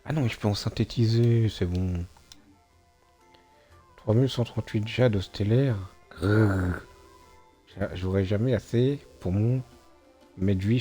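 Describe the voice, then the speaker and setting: A man's voice: lowish voice, warm tone. A man streaming a video game, muttering to himself in a hesitant, casual way and chatting with his viewers. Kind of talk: casual gameplay live-stream commentary.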